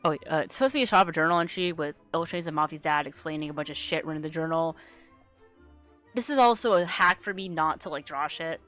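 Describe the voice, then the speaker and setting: Low-voiced woman rambling on a livestream. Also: fast talker, fairly bright tone, soft background music. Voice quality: low natural voice. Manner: rambling and profane, trails off into mumbles. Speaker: streamer. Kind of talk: casual livestream chat.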